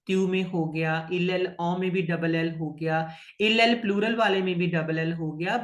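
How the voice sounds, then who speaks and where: An Indian-accented man teaches French with patience. He speaks slowly, repeats each phrase and keeps checking that his students follow. The room around him has a noticeable echo. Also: high-pitched, fairly bright tone. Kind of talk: online French lesson.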